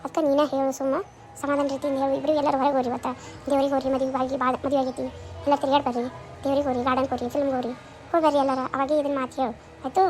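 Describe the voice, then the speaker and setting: A woman's voice: sits high, flat delivery, very fast, darkish tone, soft background music, lightly acted. A woman playing a worried middle-aged mother in a comedy skit, with a North Karnataka Kannada accent, lecturing and nagging. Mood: advising. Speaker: skit actor.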